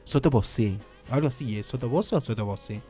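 A man's voice: fairly high pitch, big pitch swings, fairly quick, soft background music. A man with a Rioplatense accent hosting a comic dating-advice bit, camp and theatrical, swooping up into squeals. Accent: Rioplatense Spanish. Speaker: radio comedy host.

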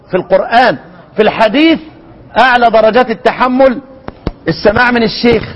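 A high-pitched Egyptian man teaching Quran recitation in a classroom lecture. He drills words over and over, stretching sounds out to demonstrate them, and keeps firing questions at his students. The recording is dull and lo-fi. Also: a little hiss or hum. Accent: Egyptian Arabic. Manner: repeats words with drawn-out demonstrations, quizzes students.

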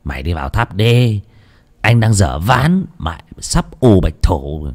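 A man's voice: low-pitched, big pitch swings, measured pace, a little mellow, full character voice. A man voicing a boisterous older male cousin at a card game, crude and swearing. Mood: grumbling.

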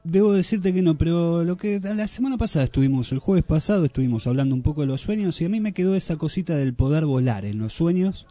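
Man, Rioplatense accent, radio host, mellow tone, joking banter, faint music behind. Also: fairly high pitch, fast, few pauses, dry recording. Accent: Rioplatense Spanish. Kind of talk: casual radio chat. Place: radio studio.

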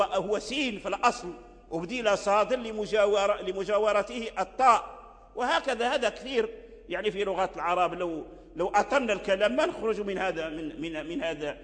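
An older man teaching Quranic readings, explaining slowly with many repeats and chanting short example readings. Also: high-pitched, fairly bright tone, big-room sound.

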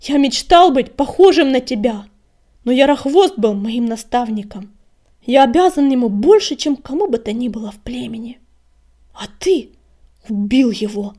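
A woman voicing a proud young male warrior cat who speaks loudly, clearly enunciating each word. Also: fairly high pitch, animated, moderate pace. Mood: bitter defiance.

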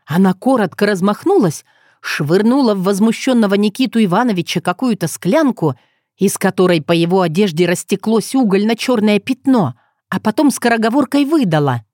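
A woman reading a story aloud as narrator in an expressive storytelling manner. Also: medium pitch, moderate pace, no room sound, studio quality. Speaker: audiobook narrator. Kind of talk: scripted narration.

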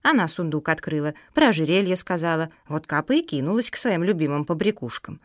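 A woman voicing a timid older sister dog who mumbles low when she apologizes. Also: lively intonation, fairly quick, dry recording, clean studio sound. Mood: sheepish.

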